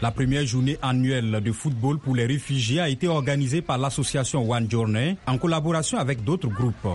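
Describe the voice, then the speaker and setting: A male reporter voicing a scripted radio news piece. His read is steady and formal, at an ordinary middle pitch.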